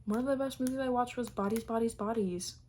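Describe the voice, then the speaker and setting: A woman's voice: fairly high pitch, steady tone, quick pace, a little mellow, slight background noise. A young adult woman chatting casually to camera about her favorite things of the year, gushing and rambling with plenty of fillers. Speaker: vlogger.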